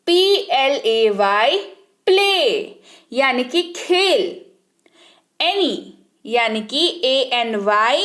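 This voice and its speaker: A woman's voice: high voice, fairly bright tone. A woman teaching, who spells words out letter by letter and checks in with the listener by asking questions. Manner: spells letters slowly and asks rhetorical checks. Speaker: English teacher. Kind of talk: slow spelling-out lesson.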